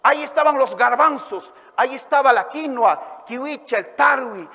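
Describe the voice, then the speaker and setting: A man from Ayacucho, Peru, telling a folk tale to a live audience, with drawn-out calls and sound effects and prompts for the listeners to repeat after him. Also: very high-pitched, gravelly, bright, forceful tone, long reverb tail. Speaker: storyteller. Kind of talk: oral storytelling to a live audience.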